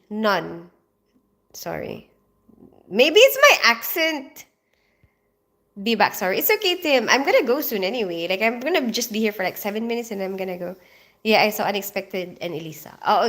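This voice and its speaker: A middle-aged woman from the Philippines hosting a casual livestream, reading viewer comments aloud and chatting with a quick laugh. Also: on the high side, fairly bright tone. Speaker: livestream host.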